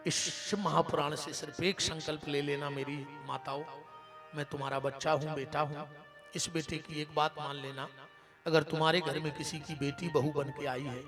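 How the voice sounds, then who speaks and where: Emotional Bundeli preacher over music. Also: male voice, a little high. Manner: emotional storytelling, swelling loud at peaks. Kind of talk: devotional sermon.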